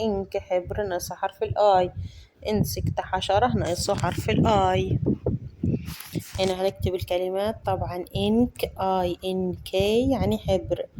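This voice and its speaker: A woman with an Egyptian Arabic accent teaching children English from a workbook. She moves quickly through Arabic explanations and slows down to model and spell English words. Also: mid-range voice, warm tone, a little hiss or hum. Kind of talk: workbook lesson walkthrough.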